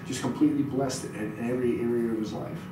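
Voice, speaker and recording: A man's voice: mid-range voice, fairly even intonation, fast talker, distant mic. A middle-aged man as pastor delivering a sermon in a small church room, reading scripture aloud and quizzing the audience. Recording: very echoey room, heard from afar, noisy.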